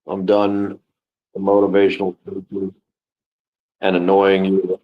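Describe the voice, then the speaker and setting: A man's voice: sits low, monotone, measured pace, lo-fi sound, slight background noise. A man with a nasal voice hosting a solo sports podcast, talking casually and unhurriedly, with pep-talk encouragement. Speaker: podcast host.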